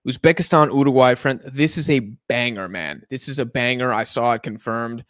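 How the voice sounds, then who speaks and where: This American man speaks at a normal speed in a mid-range, slightly bright voice, recorded dry at studio quality. He casually hosts a live football watch-along from his home couch, rambling and answering chat on the fly.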